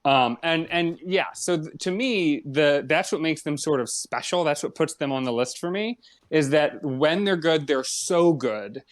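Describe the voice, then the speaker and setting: A man's voice: a little high, a little slow. A man co-hosting a casual podcast, explaining his opinions thoughtfully and at length. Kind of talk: casual chat.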